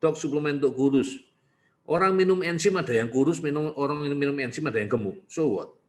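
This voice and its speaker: A man's voice: fairly high pitch, quick pace. A man, a doctor, answering parents' questions in an online consultation, chatty and teasing, often tagging his sentences with a questioning "ya". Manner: lively, talkative, frequently adding "ya" tags. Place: clinic.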